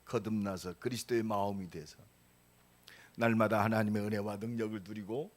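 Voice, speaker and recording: A pastor in his sixties preaching a sermon, emphatic with sudden loud rises and casual storytelling asides. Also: lowish voice. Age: 60s.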